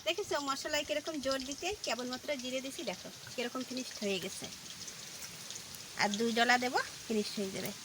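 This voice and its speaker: A high-voiced woman narrates her cooking at a rapid clip, chatting casually as she works in a home kitchen. Loud frying and sizzling noise sits under her voice throughout. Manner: talks very fast, rushes through. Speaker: home cook vlogger.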